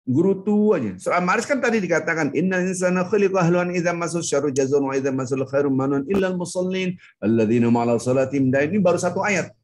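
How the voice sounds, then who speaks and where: A man's voice: fast talker, hardly any pauses. A man giving a casual, joking Islamic lecture over a video call, acting out the people he quotes. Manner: lively, jokey, acts out quoted people with sharp pitch jumps. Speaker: ustadz, religious teacher.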